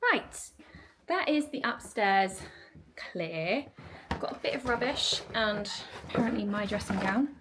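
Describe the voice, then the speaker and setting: A woman in her thirties, chatting casually to camera while she tidies her home, upbeat, with quiet asides now and then. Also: medium pitch, expressive, measured pace, music in the background. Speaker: vlogger. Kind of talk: casual chat while tidying. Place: home, moving between rooms. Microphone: handheld camera.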